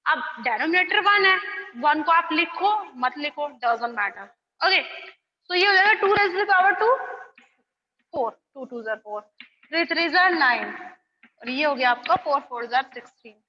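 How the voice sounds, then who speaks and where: A woman's voice: sits high, expressive. A woman maths teacher working through exponent problems step by step, with a habit of checking in often. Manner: slow, checks in with "theek hai" often. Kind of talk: classroom lesson, working through problems aloud. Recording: roomy, dull lo-fi classroom echo.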